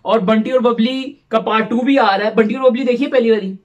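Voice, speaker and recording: A man's voice: very high-pitched, fairly even intonation, brisk, dull audio. A man from Pakistan hosting a reaction channel, chatting casually and rambling as he drops English phrases into his talk. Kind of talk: casual chat reacting to a film trailer.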